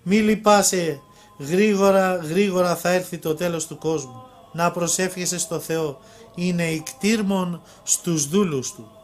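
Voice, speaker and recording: A man reading the calm, tender words of an old male monk elder. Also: high-pitched, close to an everyday voice.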